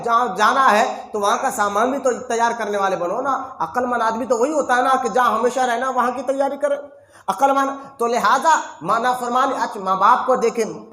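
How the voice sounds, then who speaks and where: A man's voice: extremely high pitch, pushed and bright, echoey room. A man preaching a sermon as a spiritual guide, impassioned and rhetorical, repeating phrases for emphasis. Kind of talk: Urdu sermon.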